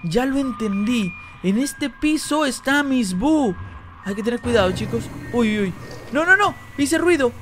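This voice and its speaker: A man's voice: extremely high pitch, expressive, a little slow, a little hiss or hum. A man commenting on a horror game he plays, reading its lines aloud in translation, talking to his viewers and yelping and repeating words when he is scared. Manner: addresses viewers as "chicos". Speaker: gaming YouTuber. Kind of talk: Let's Play commentary translating game dialogue.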